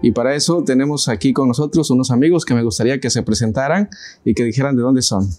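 Soft music plays behind a man in his thirties with a Mexican Spanish accent as he hosts a relaxed Bible study in a TV studio, asking the panel questions amid frequent hesitations. His medium-pitched voice is a little mellow and fast, recorded on a lapel mic.

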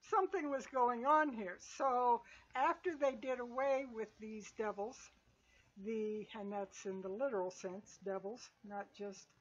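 A woman's voice: fairly high pitch, lo-fi sound. An older woman hosting a livestreamed tabletop game as game master, recapping in a folksy storytelling way over a headset.

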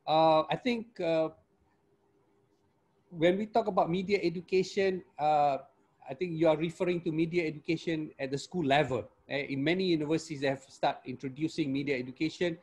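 An older man speaks in an academic panel over an earphone mic on a video call. His voice sits a little high for a man. He talks haltingly, filling gaps and tagging his points with quick questions. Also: steady tone, a little mellow, husky. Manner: hesitant, many fillers and tag questions. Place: home room with virtual background.

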